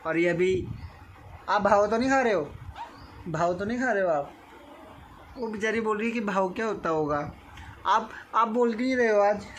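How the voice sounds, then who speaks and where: A man's voice: sits high, moderate pace, long pauses, a bit bright. A young man vlogging at home, talking playfully and coaxingly with a small child. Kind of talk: casual home vlog chat. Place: family home indoors. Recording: noisy home recording.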